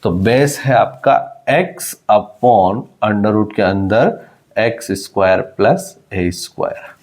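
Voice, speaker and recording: In an exam-prep blackboard lecture, a man works through a physics problem step by step, calling his students "child" and mixing English math terms into his speech. He repeats key phrases for emphasis, speaking slowly in a fairly low, slightly mellow voice.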